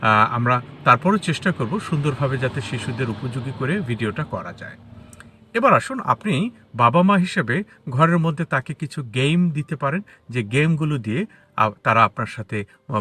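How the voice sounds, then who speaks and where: A man teaching English pronunciation to Bengali speakers, talking outdoors on a street and spelling out letters and sounds slowly. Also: mid-range voice, animated, pushed and bright, husky. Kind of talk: spoken English lesson.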